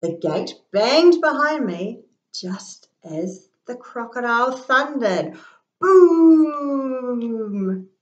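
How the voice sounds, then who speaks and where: A woman, a teacher, reading a picture book aloud to children with expressive gasps and sing-song chants. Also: a little high, slow pace, echoey room, lo-fi sound. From New Zealand. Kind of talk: storybook read-aloud for kids.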